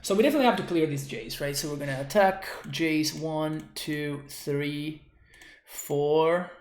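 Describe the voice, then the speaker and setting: An Argentine man streams a card game and thinks out loud about his plays, his voice on the high side and darkish in tone, at a measured pace. The recording carries a roomy echo.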